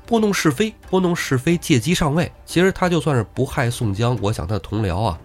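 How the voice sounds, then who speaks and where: Male podcast co-host, animated sing-song delivery, jokey storyteller, casual chat. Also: medium pitch, fairly quick, faint music behind. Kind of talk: casual chat retelling a classic novel.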